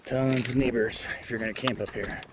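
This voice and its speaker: A man's voice: mid-range voice, steady tone, fairly quick. Man, hiker vlogger, casual trail chat into a phone, outdoor noise audible. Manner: chatty, talking while hiking downhill. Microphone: handheld phone. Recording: clear outdoor background noise.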